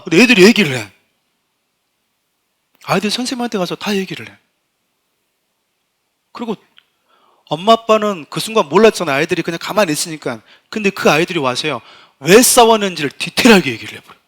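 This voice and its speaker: A man, a pastor, preaching a conversational Sunday sermon, swinging between loud emphasis and soft asides. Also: sits high, fairly quick, long pauses. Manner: animated, acts out quoted voices of children and parents.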